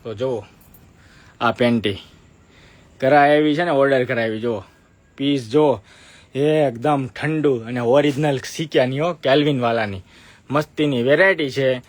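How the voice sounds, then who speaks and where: A man running a chatty, persuasive live-stream sales pitch from a clothing shop, repeating his points as he shows products. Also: a little slow, pauses often, no room sound.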